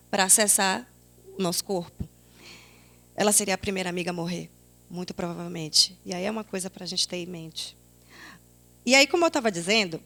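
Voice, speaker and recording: A woman's voice: mid-range voice, fairly bright tone. A woman in her twenties from Salvador with a Bahian accent, speaking as a panelist in a reflective discussion, thinking aloud with frequent restarts. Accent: Bahian Brazilian Portuguese. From Salvador, Bahia, Brazil. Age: 20s. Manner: thoughtful, searching, many restarts. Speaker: panelist, theatre critic.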